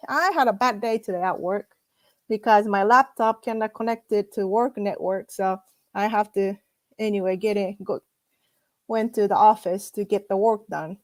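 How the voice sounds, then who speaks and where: A woman hosting a casual interview, talking in a halting, chatty way with many restarts. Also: mid-range voice, no echo. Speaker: host.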